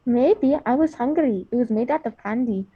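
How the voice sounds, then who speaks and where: Woman playing Hansel, naive high-voiced boy. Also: moderate pace, slightly rough, muffled recording. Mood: naively cheerful. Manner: naive, pleading. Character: Hansel, cheerfully dim, greedy little storybook boy. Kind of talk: comic school stage play.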